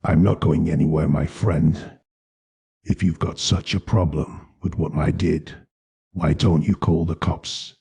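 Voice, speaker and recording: A man's voice: a bass voice, steady tone, measured pace, gravelly, dark tone, breathy edge, full character voice. A man voicing a mocking, menacing male killer staying at a hotel, with a sneering, taunting delivery. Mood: threatening.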